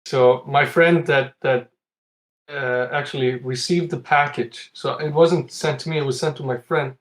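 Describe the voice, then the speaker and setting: A man from Iceland, a competitive retro game player, is a guest on a podcast. His mid-range voice is steady and unhurried as he chats casually, tells stories, and chuckles often.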